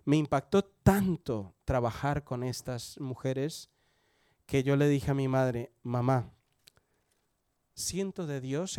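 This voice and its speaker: This is a Colombian man in his forties telling his testimony to a church congregation, keeping it conversational and frequently putting questions to the audience. He raises and lowers his loudness to stress points, and his typical male pitch comes through dry with no echo or surrounding room.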